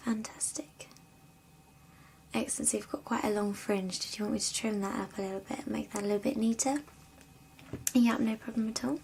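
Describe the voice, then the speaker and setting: A woman playing a hairdresser in an ASMR roleplay, talking in a soft, slow, gentle whisper with occasional spoken lines. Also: fairly high pitch, steady tone, gravelly, slight background noise.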